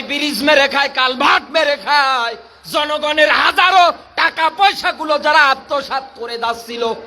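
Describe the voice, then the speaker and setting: A Bangladeshi man with a very high, pushed and bright voice preaches an impassioned Islamic sermon in a declamatory style, prodding listeners with questions. It is a fiery outdoor-rally sermon that includes Quran recitation, captured in a noisy live public-address recording.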